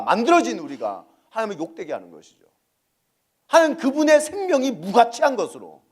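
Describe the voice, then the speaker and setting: A man's voice: high-pitched, darkish tone. A man preaching a sermon as pastor at a church service, often asking the congregation questions.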